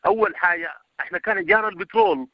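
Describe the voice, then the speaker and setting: A man's voice: high-pitched, wildly swooping pitch, racing, gravelly, no echo, muffled recording. A man with a Sudanese Arabic accent, an agricultural expert answering radio interview questions at length.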